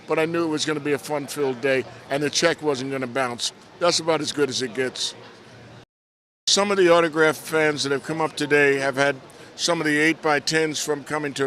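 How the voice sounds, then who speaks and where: An older American man, a guest at an outdoor event, telling animated anecdotes and acting out the voices in a relaxed interview. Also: on the high side. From United States. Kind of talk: casual storytelling interview.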